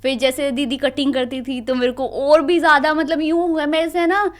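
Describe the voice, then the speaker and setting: Young female student guest with a high, lively voice, chatty and animated. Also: normal speed. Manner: animated, laughing storyteller who acts out family dialogue. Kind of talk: casual interview storytelling.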